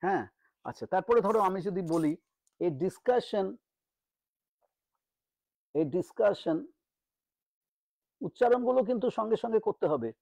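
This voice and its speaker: A middle-aged man teaching spoken English, repeating words slowly so students can copy the pronunciation. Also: high-pitched, lively intonation, gravelly, darkish tone, dry recording. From Bengal. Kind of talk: spoken English lesson in Bengali.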